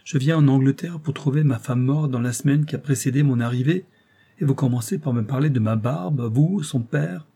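A man's voice: mid-range voice, normal speed, mellow, slightly rough, voice pushed up. A man voicing an anguished young widower. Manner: impassioned outbursts. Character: grieving young husband, passionate and anguished.

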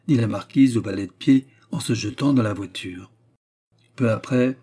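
A man reads a classic novel for an audiobook, telling the story in a measured, dramatic way. His mid-range voice is mellow and husky.

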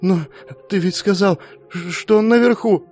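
A man playing Rupert, a shrill terrified young man. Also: measured pace, a little mellow, soft background music. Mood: desperate. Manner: panicked, stammering, shrill cries.

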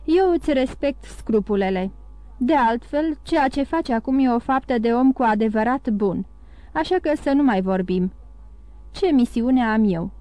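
A woman voicing a calm, sly male priest who talks in an even, coaxing way in an audiobook. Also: fairly high pitch, no echo, lightly acted.

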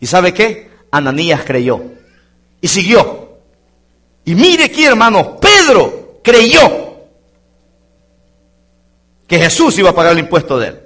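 A man preaching a sermon as a pastor in a church, swinging between loud exclamations and quiet asides. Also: on the high side, sing-song, moderate pace. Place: church sanctuary.

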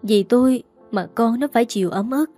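A woman's voice: a little high, fairly quick, dark tone, soft background music, natural voice. A woman voicing a remorseful older father who humbly pleads for forgiveness. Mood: pleading.

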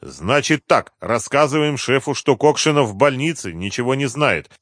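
A man voicing a bossy, quick-tempered gang leader in an audiobook, barking orders. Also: medium pitch, animated, fairly bright tone, no room sound, pitched above the performer's own voice. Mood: scheming.

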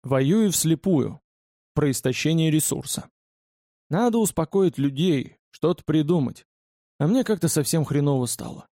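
A man narrating a first-person audiobook war story in an expressive, colloquial way. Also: a little high, moderate pace, dry recording, clean studio sound.

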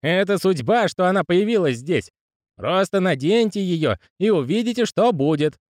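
A jittery old postman from an audiobook, put on by a male narrator, with a high, piping voice that swoops up and down. He pleads and protests in an agitated rush. Dry, close sound. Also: expressive, moderate pace, darkish tone, dry recording. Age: older.

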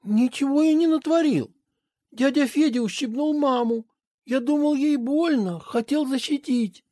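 A woman voicing Dima, a young boy who is earnest and upset, in a high pleading voice. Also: measured pace, warm tone, no echo, clean studio sound.

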